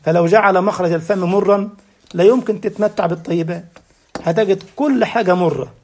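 A man's voice: sits high, a little fast. A man with an Egyptian accent giving a sermon, who keeps asking the congregation rhetorical questions and answering them himself. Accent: Egyptian Arabic. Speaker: preacher.

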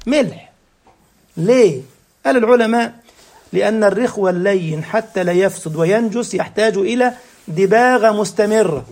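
A man with an Egyptian accent giving a sermon, who keeps asking the congregation rhetorical questions and answering them himself. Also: sits high. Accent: Egyptian Arabic. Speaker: preacher.

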